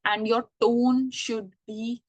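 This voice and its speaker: A woman's voice: on the high side, little pitch movement, slow, dry recording. A woman giving an online English grammar lesson, explaining patiently and checking in with the listener. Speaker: English teacher.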